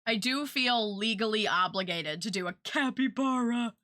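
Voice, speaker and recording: A woman's voice: a little high, normal speed, fairly bright tone, no room sound, clean studio sound. A woman chatting casually on an art livestream, rambling and thinking aloud. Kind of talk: casual, rambling livestream chat while drawing.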